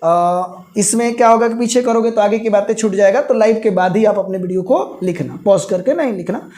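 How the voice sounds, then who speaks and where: A man from India teaching a live online math class, explaining slowly step by step and repeating key terms with English words mixed in. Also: sits high, mellow.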